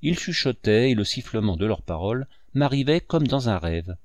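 A man narrating a classic adventure novel aloud in a measured, steady storytelling manner. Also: medium pitch, dry recording, studio quality. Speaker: audiobook narrator.

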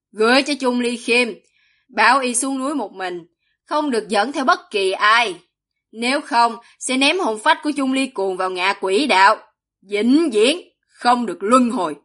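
A woman reader voicing a ruthless demon lord from a storybook fantasy. He issues orders slowly and firmly, every word weighed. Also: a little high, animated, bright, forceful tone. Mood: cold commanding. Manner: slow, commanding.

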